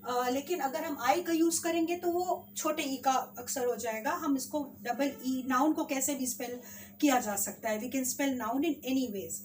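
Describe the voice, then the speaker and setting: A woman teacher with an Indian accent, slowly sounding out words for children in a spelling lesson. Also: sits high, darkish tone, recorded from a distance, a little hiss or hum. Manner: slow, drawn-out sounding of words.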